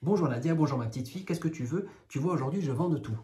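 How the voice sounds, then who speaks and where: A scheming old witch from a storybook, disguised as a market seller and coaxing her young prey in a sugary patter, as a man reads her out. The voice sits above the reader's own pitch, with a darkish, mellow grain underneath. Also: animated, fast, lightly acted.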